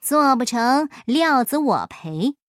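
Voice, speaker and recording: A woman's voice: high voice, big pitch swings, slow pace, fairly bright tone, no echo, clean studio sound, full character voice. Figure: a woman doing Afanti, a sly, teasing folk hero. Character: clever, mischievous folk hero man.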